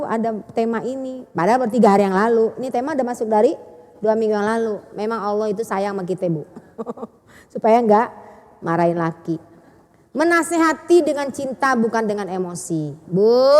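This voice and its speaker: A woman preacher, giving a chatty, animated sermon to women and acting out dialogue. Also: on the high side, big-room sound. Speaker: Islamic preacher.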